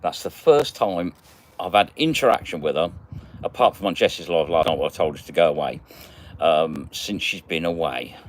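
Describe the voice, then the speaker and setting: A man's voice: sits low, animated, moderate pace, slight background noise. A man hosting a casual livestream, chatting and greeting viewers by name as he reads their comments. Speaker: magnet fishing livestream host.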